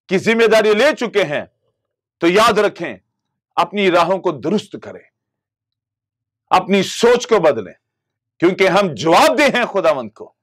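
This middle-aged Pakistani man has an extremely high-pitched voice with a fairly bright tone. He is a pastor delivering a televised sermon in a studio, wearing a lapel mic, and his impassioned emphasis rises and falls. He gestures constantly with both hands.

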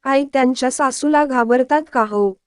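A woman's voice: high-pitched, moderate pace, clear, resonant tone, no echo, studio quality, natural voice. A woman voicing a playful, chatty young daughter-in-law.

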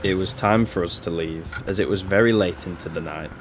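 Low-voiced man narrating an exploration vlog. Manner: calm, measured storytelling. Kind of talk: scripted documentary voice-over. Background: background music.

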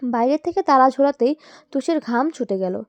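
A woman storyteller giving expressive scripted narration of an audio story. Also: high voice, brisk, no echo. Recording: dull lo-fi, dry.

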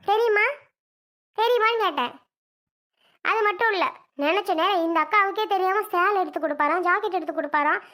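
Brief: woman as a put-upon rural wife, very high-pitched, pleading and shrill. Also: fairly bright tone. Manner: pleading, then shrill and alarmed. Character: put-upon village wife standing up to husband. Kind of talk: homemade village comedy skit.

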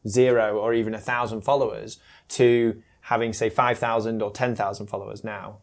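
A woman's voice: very deep voice, flat delivery, normal speed. A woman hosting a podcast interview in a studio, friendly and encouraging, laughing along with her guest. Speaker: podcast host. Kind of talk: casual interview.

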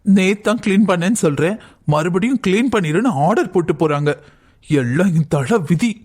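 Male actor as aggrieved young cartoon daughter-in-law; high, complaining, easily offended. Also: lively intonation, darkish tone. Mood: grumbling. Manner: complaining, quick to take offence. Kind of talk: cartoon voice acting.

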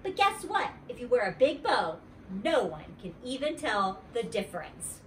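A woman's voice: on the high side, very animated, normal speed, far from the mic, a little hiss or hum. A woman doing Junie B., a bold chatty little girl. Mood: storytelling. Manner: bouncy, ungrammatical kid talk. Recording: roomy, away from the mic.

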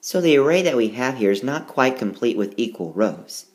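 A male teacher does a tablet screencast voice-over, reading a rhyming picture book aloud and walking through its math. His read-aloud is slow and sing-song, with lively pitch.

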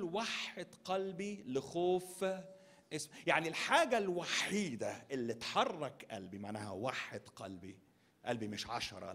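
A man's voice: medium pitch, vocal fry, fairly bright tone. A male pastor with an Egyptian Arabic accent preaching a sermon at a church conference. He repeats key phrases for emphasis and asks the congregation rhetorical questions.

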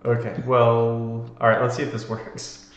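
A man setting up a livestream chats casually and mutters to himself while troubleshooting his stream settings, sounding like he's in a cave. His medium-pitched voice is completely flat and a little slow. The lo-fi mic gives a dull, cavernous echo with faint background noise.

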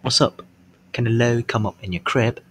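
A man's voice: mid-range voice, normal speed, a bit bright, slightly rough. A man voicing a cocky young man who trash-talks in casual, taunting street slang. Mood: nonchalant.

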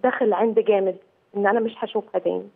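A woman's voice: medium pitch, fairly even intonation, very fast, creaky, husky. A woman caller with an Egyptian Arabic accent, distressed and pleading as she talks on a phone line.

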